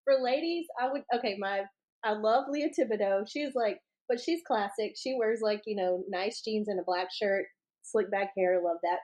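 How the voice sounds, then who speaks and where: A woman co-hosting a podcast, chatty and quick to laugh. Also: mid-range voice, darkish tone. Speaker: podcast co-host. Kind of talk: casual chat.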